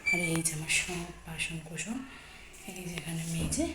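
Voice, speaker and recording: A woman's voice: low-pitched, moderate pace. A woman, chatting casually as she walks viewers through her household chores in a home vlog. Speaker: home vlogger. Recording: phone recording with noticeable background noise.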